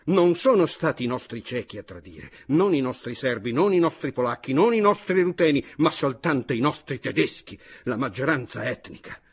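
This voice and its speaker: A man doing a raging husky nobleman. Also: mid-range voice, lively intonation, normal speed. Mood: ranting. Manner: shouting, explosive. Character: ranting embittered male aristocrat, hot-tempered.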